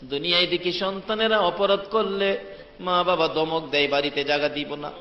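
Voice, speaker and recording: A man's voice: high voice, steady tone, moderate pace. A man with a leading an emotional prayer sermon, tearful and pleading, chanting some lines. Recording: lo-fi, echoey hall.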